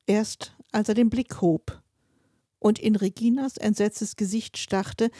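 A woman reading a dark short story aloud as its narrator, with expressive delivery that shifts pace with the tension. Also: medium pitch, no echo, clean studio sound.

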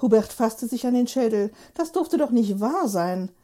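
Woman narrator, audiobook reading, mellow warm tone, fairly high voice, expressive. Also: moderate pace. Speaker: storyteller.

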